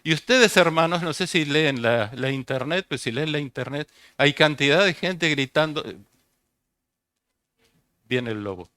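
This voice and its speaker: A man's voice: on the high side, moderate pace, pushed and bright, dry recording. An older man preaching a sermon as pastor, speaking, often asking the congregation questions and repeating key phrases.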